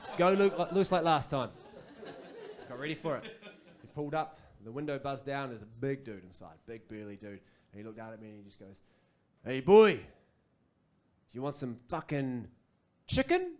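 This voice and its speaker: A man's voice: mid-range voice, moderate pace, pauses often. New Zealand man doing stand-up. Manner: animated storytelling, acts out voices. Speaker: stand-up comedian. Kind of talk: stand-up comedy set. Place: comedy club stage.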